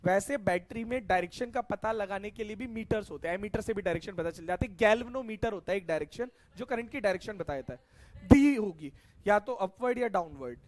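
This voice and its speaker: A man's voice: high-pitched, animated, brisk. A middle-aged man teaching a science class, asking his students questions and repeating the key answers back to them.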